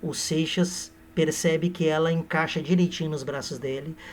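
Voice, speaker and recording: A man's voice: fairly high pitch, fairly even intonation, moderate pace, a little hiss or hum. Playful male literature teacher. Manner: humorous, playful asides to the audience. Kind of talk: lively storytelling lecture.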